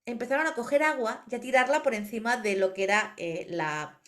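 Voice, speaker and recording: Una mujer con acento de España que conversa en un pódcast y narra anécdotas con viveza. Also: female voice, on the high side, brisk. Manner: animated storyteller, acts out quoted voices. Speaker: podcast co-host, animal communicator. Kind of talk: casual podcast conversation.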